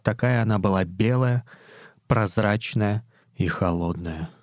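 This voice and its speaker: A man giving a measured, solemn literary narration of a short story. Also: on the low side, dry recording, clean studio sound. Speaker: reader.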